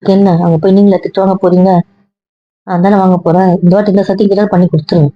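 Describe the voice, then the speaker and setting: A woman's voice: medium pitch, steady tone, quick pace, no room sound, close to an everyday voice. A woman playing an exasperated young wife in an amateur audio drama, reproachful and pleading with her husband. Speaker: wife character. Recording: dull, dry lo-fi recording.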